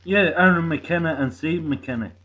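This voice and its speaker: A man's voice: on the high side, moderate pace, sharp tone. Crude, swearing man streaming. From Dublin. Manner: crude, rambling, heavy swearing, teasing. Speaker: live streamer. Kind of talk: casual chat with viewers. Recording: muffled lo-fi stream audio, faint hiss.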